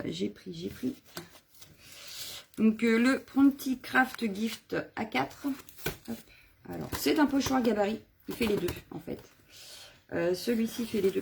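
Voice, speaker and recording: A woman's voice: mid-range voice, a little hiss or hum. A woman chatting casually on a live craft video, showing her stamps and stencils, rambling with fillers and self-corrections. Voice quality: husky, gravelly.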